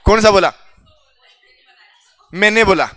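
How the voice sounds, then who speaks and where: A man's voice: high voice, takes it slowly, a bit bright. A male teacher quizzing his students in a classroom, teasing and joking with them as he goes, with a Rajasthani Hindi accent.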